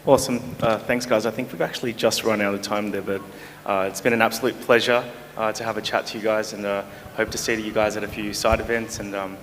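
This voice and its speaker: A man with a lowish voice moderates a conference panel, talking quickly and briskly. He sounds distant in a reverberant hall, with faint background noise. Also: little pitch movement, fairly bright tone. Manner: brisk, wrapping up.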